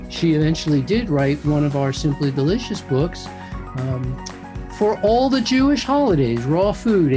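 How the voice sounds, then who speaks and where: A man introducing his former student with warm praise. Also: fairly high pitch. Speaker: mentor and show host. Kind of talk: introduction speech.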